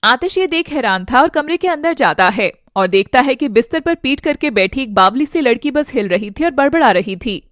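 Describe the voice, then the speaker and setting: Expressive woman narrating a drama. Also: high-pitched, normal speed, few pauses, no echo, clean studio sound.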